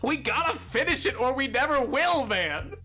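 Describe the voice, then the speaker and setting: A man chatting casually and excitably on a gaming livestream, joking and repeating his words. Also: very high voice, moderate pace, faint music behind. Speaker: game streamer.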